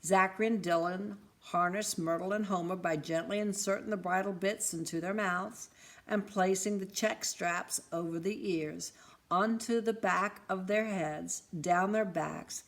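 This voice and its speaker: A woman reading a storybook aloud in an expressive, lively way. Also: on the low side, a little slow.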